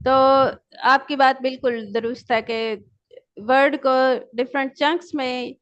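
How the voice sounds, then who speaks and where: A woman lecturer giving an online class, who asks her students questions and answers them herself. She reads English definitions out slowly and explains them in Urdu. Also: sits high, fairly even intonation, fairly bright tone. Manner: switches between English and Urdu. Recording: dull lo-fi recording.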